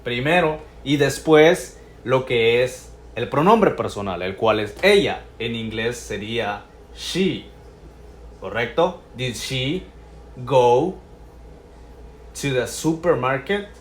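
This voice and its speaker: A man teaching English grammar in Spanish, patiently going over each example and repeating the English phrases slowly. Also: medium pitch, expressive, roomy sound, slight background noise.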